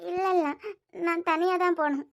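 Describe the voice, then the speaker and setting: A woman voicing a tearful young cartoon wife with a very high voice. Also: steady tone, normal speed. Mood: troubled. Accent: Kanyakumari Tamil. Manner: plaintive, hesitant. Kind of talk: cartoon voice acting.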